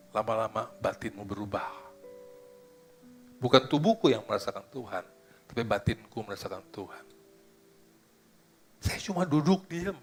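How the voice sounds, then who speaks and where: A middle-aged male pastor preaching, dropping into hushed, slow musing and rising to loud, high exclamations, with English phrases mixed in. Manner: slips into English phrases and sings softly. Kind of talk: sermon. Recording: faint guitar music behind.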